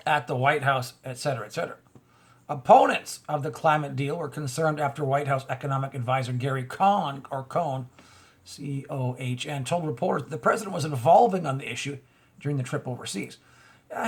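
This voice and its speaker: A man's voice: a little high, breathy edge. A man reading news items aloud and firing back with mocking, heated asides in casual commentary. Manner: reads news lines then rants back with mocking asides.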